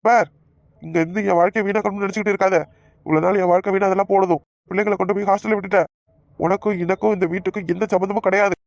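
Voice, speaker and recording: An angry young village husband, voiced by a woman with a Kanyakumari Tamil accent, brushing off his wife with quick threats. The voice sits mid-pitch and is recorded close and dry, like a cartoon comedy dub. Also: steady tone, gravelly, dry recording, natural voice. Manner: angry, dismissive, shouting threats.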